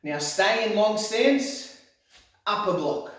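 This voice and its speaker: A male karate instructor teaching step by step, calling out sharp, clipped martial arts commands. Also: high voice, expressive, slow. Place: echoey indoor room, voice some distance from the mic. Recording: very echoey hall, distant mic.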